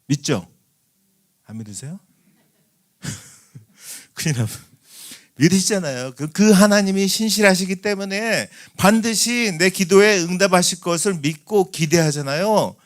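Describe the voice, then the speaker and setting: A middle-aged man preaching a sermon as a missionary, calling out to the congregation and swinging between loud emphatic lines and hushed ones. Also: high-pitched, unhurried.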